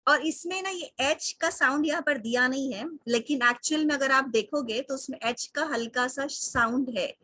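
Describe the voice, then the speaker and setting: In an online English lesson, a woman with a high, bright voice slowly spells out words and repeats them again and again, mixing English into her explanations. The sound is dry and close, picked up by a computer mic on a video call, with no room sound.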